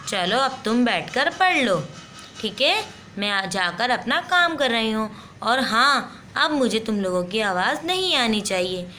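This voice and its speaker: Strict older-sister tutor for a doll story, played by a woman, bright and firm. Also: a little high, big pitch swings, unhurried, soft background music, full character voice. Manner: scolding, firm and instructive. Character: strict young female tutor, bossy older sister type. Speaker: storyteller voicing dolls. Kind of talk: doll play story acting.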